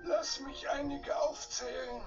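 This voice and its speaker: A man's voice: extremely high pitch, steady tone, takes it slowly, recorded from a distance. An actor playing a boastful snow-cone vendor in a cartoon game, with singsong salesman patter. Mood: eager. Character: manic boastful male snow-cone vendor rattling off absurd flavours. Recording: dull lo-fi game audio, music behind.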